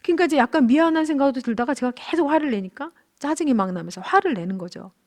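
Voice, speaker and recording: A woman with a slightly high voice gives a church lecture on marriage. She talks in an earnest, candid way, weaving in personal stories and acting out quoted arguments with animation. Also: lively intonation, fast. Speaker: marriage class teacher at a church.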